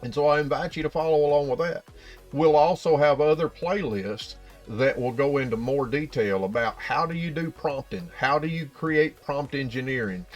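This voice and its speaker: A man's voice: on the high side, normal speed. Man with an Appalachian hillbilly accent, music behind. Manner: folksy, addresses viewers directly. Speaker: YouTube channel host. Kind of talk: casual explainer talk to viewers.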